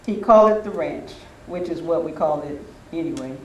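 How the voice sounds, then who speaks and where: An older man at a spiritual retreat chats with a gathering, recalling the past through informal anecdotes. His voice is on the high side, and he speaks fairly quickly. A distant mic produces a roomy recording with faint noise.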